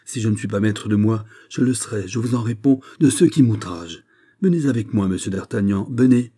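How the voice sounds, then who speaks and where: A man's voice: fairly low pitch, a little fast, dark tone, husky. A man voicing a young, proud and imperious king who commands in anger in an audiobook. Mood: commanding.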